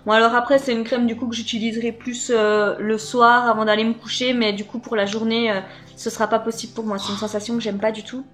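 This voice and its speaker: Woman, slightly high voice, chatty, hesitant, unboxing vlog, faint music behind. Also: level tone, fast talker, fairly bright tone. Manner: chatty, hesitant, many fillers. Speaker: beauty box unboxing vlogger. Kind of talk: casual unboxing chat to camera.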